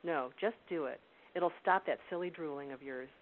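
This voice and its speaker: Woman reading elderly male wizard, knowing, confiding, low, tinny phone line, faint hiss. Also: moderate pace, natural voice. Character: elderly male Welsh wizard, sly and kindly.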